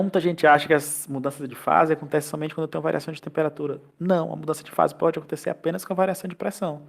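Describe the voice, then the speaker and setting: A Brazilian man teaching a chemistry class online, explaining step by step with rhetorical questions and quick checks for understanding. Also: a little high, gravelly. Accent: Brazilian Portuguese. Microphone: computer mic on a video call.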